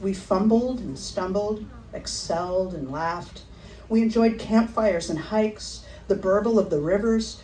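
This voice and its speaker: A middle-aged woman performing a personal memoir at a live storytelling event, with a wry, animated delivery. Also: fairly low pitch, roomy sound, recorded from a distance, slight background noise, rough recording.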